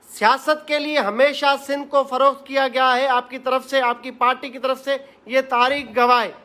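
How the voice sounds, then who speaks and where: Fiery high-voiced man from Sindh. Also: bright, forceful tone. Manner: fiery, rhetorical, repeats phrases for emphasis. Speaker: political commentator. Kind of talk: impassioned political address to camera.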